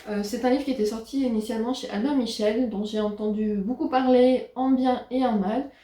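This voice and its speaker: A chatty woman speaking casually on her book vlog, pausing often as she goes. Her voice sits a bit high but sounds mellow and soft-edged. The sound is roomy, with a noticeable echo around her. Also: fairly even intonation. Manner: chatty, hesitant with frequent pauses. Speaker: book vlogger. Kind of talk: casual book haul chat.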